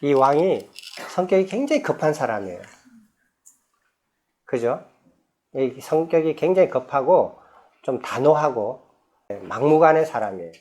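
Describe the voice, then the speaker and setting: A man's voice: fairly high pitch, big pitch swings, unhurried, pauses often, mellow. A man, a Buddhist monk, giving a dharma lecture on a sutra. He reads scripture passages aloud, then explains them in plain, conversational speech, often asking his listeners questions. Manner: conversational, asks the audience rhetorical questions.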